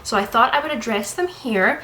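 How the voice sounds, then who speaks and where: A young Canadian woman vlogs to her camera in a casual, rambling, reassuring chat, sounding out of breath. Her voice sits on the high side at a normal speed, pushed and bright. The camera mic gives a rough recording with a little hiss or hum.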